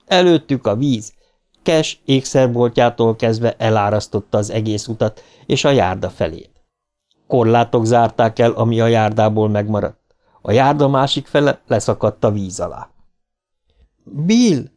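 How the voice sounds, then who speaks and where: Hungarian male audiobook narrator, measured. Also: lowish voice, darkish tone. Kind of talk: scripted narration.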